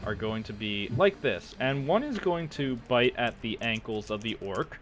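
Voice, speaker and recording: A man's voice: mid-range voice, very animated, normal speed. A man running a tabletop game as game master, hesitant and checking rules aloud with frequent uhs. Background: music.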